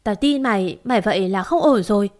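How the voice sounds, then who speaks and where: A woman's voice: medium pitch, expressive, fairly quick, darkish tone, lightly acted. A woman voicing a stern older aunt who speaks in blunt, commanding orders.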